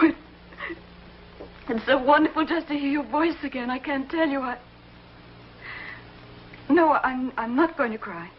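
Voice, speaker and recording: An actress playing a lonely, desperate woman on the phone to the lover who left her, tearful, halting and stammering in 1950s television drama style. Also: high voice, a little hiss or hum. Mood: pleading. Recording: muffled old TV broadcast with music.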